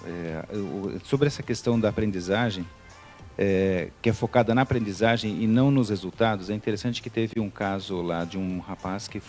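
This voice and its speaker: A man's voice: lowish voice, moderate pace, a little mellow, soft background music. A middle-aged Brazilian man, a teacher, speaking as a guest in a TV interview, hesitant with many fillers and restarts. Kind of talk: TV studio interview.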